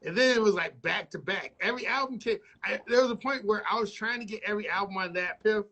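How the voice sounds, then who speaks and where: Muffled livestream audio captures a radio host and DJ conducting a casual interview in a loose, joking, rambling style laced with cursing. He talks fast, his voice sitting high with a bright, forceful tone, though a frog in his throat roughens it.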